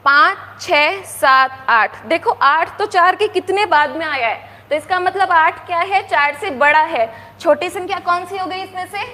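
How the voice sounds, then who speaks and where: Brief: female primary teacher, very high voice, coaxing and patient, long reverb of a classroom. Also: pushed and bright. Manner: coaxing, asks "right?" often, counts aloud slowly. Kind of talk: explaining to young children. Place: classroom with a board.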